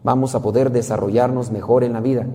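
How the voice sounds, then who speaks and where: Mexican priest giving a homily, mellow easygoing voice, folksy, big reverb. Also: male voice, medium pitch, fairly even intonation, fast talker. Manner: folksy preaching with jokes and rhetorical questions. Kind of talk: sermon.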